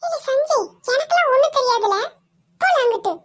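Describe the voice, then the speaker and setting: A cocky teenage cartoon schoolboy brags to a girl and waves off his friend. His voice sits very high and bright. He talks. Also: expressive, brisk. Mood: dismissive. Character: boastful teenage schoolboy show-off.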